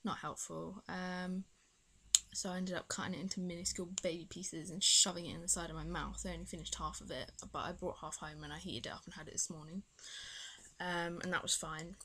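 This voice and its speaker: A woman's voice: on the low side, little pitch movement, fairly quick, bright, forceful tone, a little hiss or hum. A young British woman chatting casually in a video diary, rambling and hesitant, her speech slightly impeded by a swollen tongue. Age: young adult. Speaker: vlogger.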